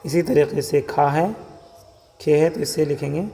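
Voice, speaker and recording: A man's voice: fairly high pitch, level tone, vocal fry, mellow. Patient man teaching in a reverberant room. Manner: slow, patient, repeats each sound aloud. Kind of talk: step-by-step writing lesson.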